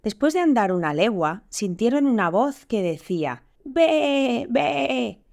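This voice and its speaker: Woman storyteller, animated folk-tale reading, voices for each animal. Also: mid-range voice, normal speed. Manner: lively, changes voice for each animal.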